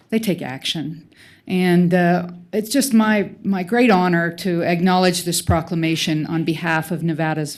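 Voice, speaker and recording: Low-voiced woman accepting a proclamation. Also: a little mellow. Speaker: veterans representative accepting proclamation. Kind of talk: formal public remarks.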